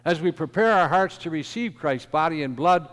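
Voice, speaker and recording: A man preaching a sermon, his emphatic delivery swelling louder and then dropping soft. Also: a little high, lively intonation, moderate pace. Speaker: pastor. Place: church sanctuary. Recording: long church reverb.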